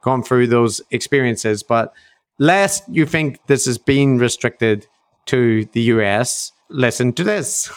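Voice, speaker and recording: A man chats on a podcast, mid-pitched and steady. He thinks aloud with plenty of "like" and "you know", and swears casually. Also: takes it slowly, clear, resonant tone. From Northern Ireland. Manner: thoughtful, many fillers, swears casually. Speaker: podcast co-host. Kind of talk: casual discussion.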